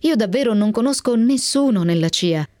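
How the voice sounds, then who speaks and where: A woman's voice: a little high, animated, normal speed, warm tone, no echo, clean studio sound, voice pushed up, lightly acted. A woman reading as a defiant young prisoner. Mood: defensive. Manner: defensive, pleading, earnest. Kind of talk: radio reading of a memoir.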